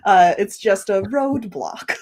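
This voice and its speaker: Female podcast guest, light-hearted and giggly, pitch swinging up and down. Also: expressive, a little slow, crowd noise. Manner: light and giggly, self-deprecating. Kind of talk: casual interview chat.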